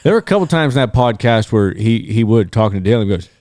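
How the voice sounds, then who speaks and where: A man chatting casually on a podcast in a halting, rambling way. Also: lowish voice, animated, a little mellow, a little hiss or hum.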